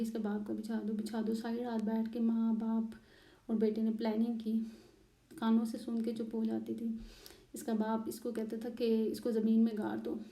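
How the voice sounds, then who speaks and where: A woman from Pakistan tells her story in an animated, emotional way, replaying old arguments. Her voice sits a little high but sounds very dark and soft in tone. The recording has a roomy echo around her. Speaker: interviewee recounting her marriage. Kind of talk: emotional personal testimony.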